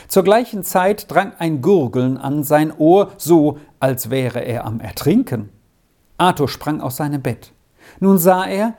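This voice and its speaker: A narrator reading a story aloud in a slow, measured storytelling manner. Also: medium pitch, warm tone. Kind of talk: audiobook reading.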